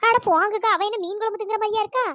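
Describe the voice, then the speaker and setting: An excited young village woman in a cartoon story, breathless and urgent in a very high, sped-up processed voice. She talks fast. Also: no room sound, clean studio sound. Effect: pitched-up cartoon voice.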